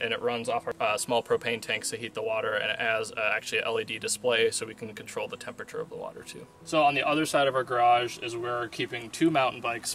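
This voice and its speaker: In the woods, a young adult van owner with a North American accent walks the camera around his camper van casually. His mid-range voice is bright and forceful, with slight background noise.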